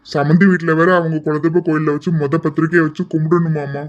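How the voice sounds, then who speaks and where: Man voicing a steady, instructing father, slightly high voice, lo-fi recording. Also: fast talker, natural voice. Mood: firm. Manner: firm, instructing. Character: firm middle-aged father arranging a wedding. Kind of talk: amateur family drama. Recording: dull lo-fi recording.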